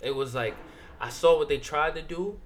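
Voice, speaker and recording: A man's voice: on the high side, moderate pace, slight background noise. A young man co-hosting a podcast, chatting casually with slang, joking and laughing often. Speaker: podcast co-host. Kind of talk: casual chat.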